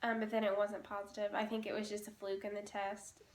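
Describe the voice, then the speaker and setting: A woman's voice: mid-range voice, monotone, brisk, a little hiss or hum. Woman in her twenties, chatty and teasing, casual vlog talk, echoey room. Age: 20s. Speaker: vlogger. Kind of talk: casual home vlog chat.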